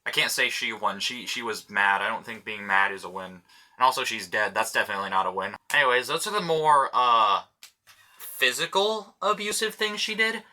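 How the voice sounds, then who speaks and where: Bright-voiced young man ranting to camera. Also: medium pitch, animated, moderate pace. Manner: blunt, swears often, rambling asides. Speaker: vlogger. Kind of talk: casual storytelling vlog.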